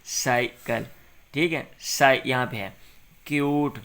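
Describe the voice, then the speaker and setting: A man's voice: medium pitch, steady tone, a bit bright, smooth. A man tutoring a young pupil through an English exercise, patiently saying short phrases for the pupil to repeat and then explaining them.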